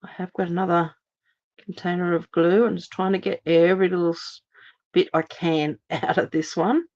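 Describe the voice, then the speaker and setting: Her voice fairly low and her pace moderate, an Australian woman recovering from laryngitis talks through a card-making demonstration at her craft table. She's chatty and gives steady step-by-step directions, though the audio sounds dull and a touch hoarse.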